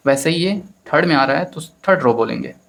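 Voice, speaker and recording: A man's voice: a little high, animated, a little fast, gravelly, fairly bright tone. A man teaching a maths lesson in Hindi with an Indian accent, explaining step by step and often addressing his students as friends. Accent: Hindi-speaking Indian.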